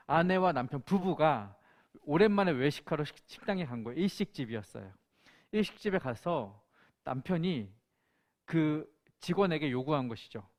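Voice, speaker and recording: A man's voice: on the high side, a little mellow. A male pastor preaching a sermon, telling an anecdote and acting out the quotes in it. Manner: storytelling with acted-out quotes.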